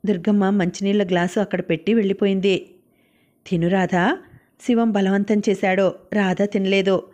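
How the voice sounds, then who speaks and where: Woman narrating a novel, flat and steady. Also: mid-range voice, brisk. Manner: steady, even reading. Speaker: audiobook narrator.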